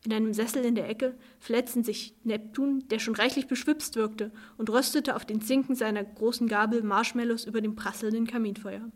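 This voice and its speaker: A woman reading a children's story aloud in a calm, measured way. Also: on the high side.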